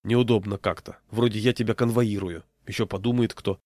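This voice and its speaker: A man voicing a burly, gruff street patrolman with a hoarse voice and a stern, mocking manner. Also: lowish voice, steady tone, a little fast, mellow, dry recording, clean studio sound, close to an everyday voice.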